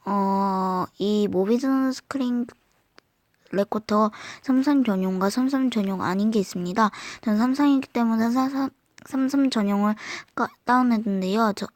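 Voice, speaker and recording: A woman giving an unscripted phone app tutorial in a halting way, restarting words, her voice run through a voice changer. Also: fairly high pitch, darkish tone, no room sound. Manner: halting, repeats word starts. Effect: voice altered by voice changer. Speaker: tutorial host. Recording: clear background noise with clicks.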